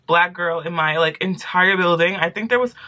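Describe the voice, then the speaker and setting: A woman's voice: fairly low pitch, moderate pace, sharp tone. An American woman in her twenties from New York City, telling a personal story to camera in a casual, chatty, gossipy way. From New York City, United States. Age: 20s. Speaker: vlogger. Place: small room indoors at home.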